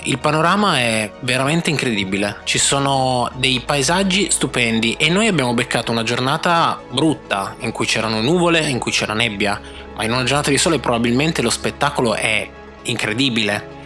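A man's voice: mid-range voice, lively intonation, normal speed, bright, forceful tone, faint music behind. A man giving scripted voice-over narration for a travel vlog.

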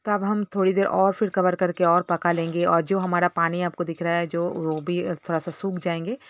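A woman's voice: lowish voice, flat delivery, moderate pace, no room sound. Woman, cooking vlogger, step-by-step chatty narration, dry voice-over. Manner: chatty, explains step by step with fillers. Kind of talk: casual cooking tutorial narration.

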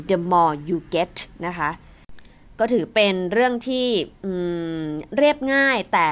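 A young adult woman hosting a personal-finance podcast, explaining ideas politely and mixing in English terms. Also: mid-range voice. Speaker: podcast host. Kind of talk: informative podcast talk.

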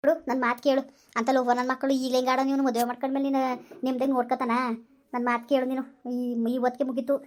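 A woman's voice: sits high, level tone, rapid-fire, pitched below the performer's own voice, lightly acted. A woman voicing a bossy female friend who lectures. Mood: stern lecturing. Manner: lecturing, scolding. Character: bossy female friend giving stern advice.

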